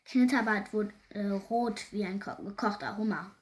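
A woman reading a children's storybook aloud in a lively way, with the odd slip and restart. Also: medium pitch, moderate pace. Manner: lively reading with small slips.

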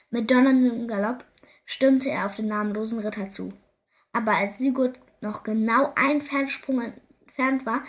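A woman reads a children's fairy tale aloud, lively and expressive. Her voice sits fairly high. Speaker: storyteller. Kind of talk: children's story reading.

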